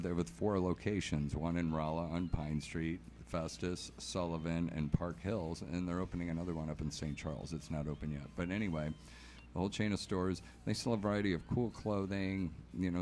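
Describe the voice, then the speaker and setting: A man with a low, deep voice chatting loosely on his own radio show from a studio. He talks easily, trailing off and restarting lines as he goes. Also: moderate pace, slight background noise. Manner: relaxed, restarts sentences often. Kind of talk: casual radio chat.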